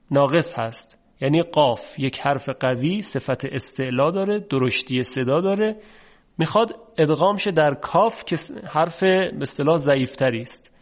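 Patient male recitation teacher, slightly high. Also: lo-fi sound. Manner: explains patiently, recites examples slowly and drawn out. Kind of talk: recorded lesson explanation.

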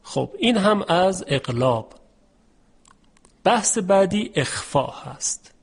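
Man teaching tajweed, slow stretched examples. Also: high voice, big pitch swings, vocal fry, breathy edge. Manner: explains patiently, stretches out example words slowly. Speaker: Quran recitation teacher. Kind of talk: tajweed lesson.

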